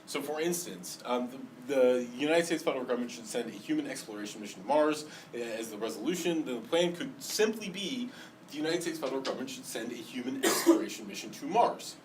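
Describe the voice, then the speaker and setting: A man's voice: mid-range voice, expressive, quick pace. A man lecturing a class on debate, explaining step by step with many ums and a slight lisp today. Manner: explanatory, frequent ums and restarts. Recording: distant mic, faint background noise.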